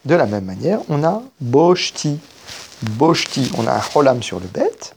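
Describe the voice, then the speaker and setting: A man teaching a grammar lesson at a middle pitch, his intonation rising and falling with animation. He works through each rule methodically and pauses to correct his own slips. A faint background noise runs under the voice. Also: very animated, gravelly, darkish tone. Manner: methodical explaining, stops to correct himself. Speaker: teacher of biblical Hebrew grammar.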